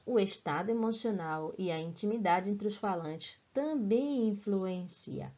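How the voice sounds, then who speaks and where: Woman teacher going thru a lesson slow, kinda low voice, dull lo-fi sound, keeps saying certo. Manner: explanatory, checks in with "certo?". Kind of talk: recorded lesson. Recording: dull lo-fi audio.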